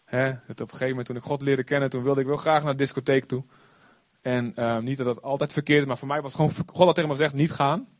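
A man preaching a sermon, animated, acting out quotes with sudden loud outbursts. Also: medium pitch, fast, dry recording. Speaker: pastor.

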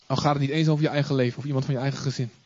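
A man preaching an animated sermon to a congregation, acting out stories and asking the listeners to join in. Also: medium pitch, rapid-fire. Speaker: pastor. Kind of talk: lively sermon. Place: church before a congregation. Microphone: recorded live. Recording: slightly muffled, dry.

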